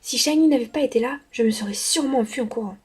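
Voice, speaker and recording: A woman's voice: on the high side, quick pace, husky. A woman voicing a timid young male companion, nervous and sheepish.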